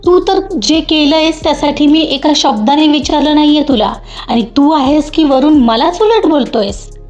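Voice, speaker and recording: A woman's voice: high voice, moderate pace, a little mellow, pitched above the performer's own voice, natural voice. A woman voicing a stern male boss. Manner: stern, firm. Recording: dull lo-fi with faint music.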